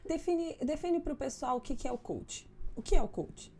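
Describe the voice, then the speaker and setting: A woman hosting a podcast as a pastor and psychologist, who talks lively and speaks straight to her listeners. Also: sits high, moderate pace. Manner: lively, addresses the audience directly. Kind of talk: casual podcast interview. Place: podcast studio in a farm-like setting.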